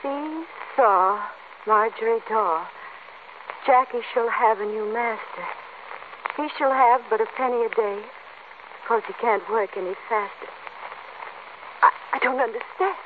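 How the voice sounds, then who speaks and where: A woman's voice: on the high side, measured pace, long pauses. An actress playing an anxious young woman, the hero's companion, with breathless, alarmed questions in 1940s radio acting style, heard as an old radio show broadcast. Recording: tinny 1940s radio broadcast with clear hiss.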